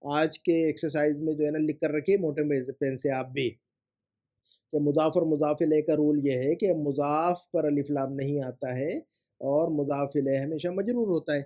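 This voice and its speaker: Patient male teacher, slightly high voice. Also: steady tone, unhurried, warm tone. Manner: explanatory, repeats rules and asks "है ना" often. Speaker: Arabic teacher. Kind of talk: homework correction lesson.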